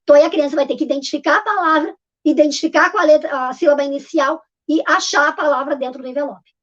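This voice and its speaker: Brazilian woman teacher walking thru slides, informal, lots of fillers, highish voice, muffled audio. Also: fast, a bit bright. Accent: Brazilian Portuguese. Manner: explanatory, informal, many fillers and restarts. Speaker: literacy teacher presenter. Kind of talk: live online talk presenting slides. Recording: dull lo-fi audio.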